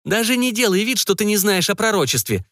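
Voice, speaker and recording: Fierce young huntress, defiant and growling, in a high strained voice played by a man, for a dark storybook reading. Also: big pitch swings, normal speed, dry recording, studio quality, exaggerated voice. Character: fierce young female witch hunter.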